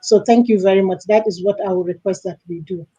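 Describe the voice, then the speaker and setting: A woman's voice: medium pitch, fast talker, mellow, slightly rough, rough recording. A woman interviewed on a podcast as a foundation director, speaking earnestly with hesitant fillers.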